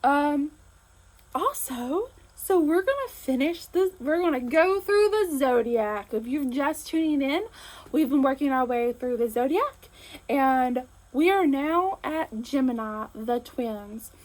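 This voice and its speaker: Lady hosting her channel, bubbly and chatty, kinda high voice. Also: expressive, takes it slowly, a little mellow, poor audio. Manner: enthusiastic, chatty, frequent fillers. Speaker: host. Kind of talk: casual chat to camera.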